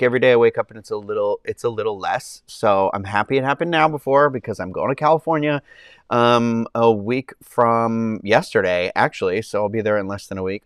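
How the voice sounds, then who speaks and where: A man hosts a relaxed home live stream, his medium-pitched voice nasal and congested from a summer cold as he rambles through ums and restarts answering chat viewers. The sound is smooth, clear, dry and close from a clip-on mic under his shirt, with no room sound.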